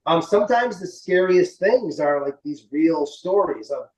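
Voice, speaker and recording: Interview guest, male, late 40s: informal, rambling talker with a slightly raised pitch, echoey room. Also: expressive, measured pace. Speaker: interview guest, indie film writer and director. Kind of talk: casual interview chat. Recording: roomy echo, slightly distant mic.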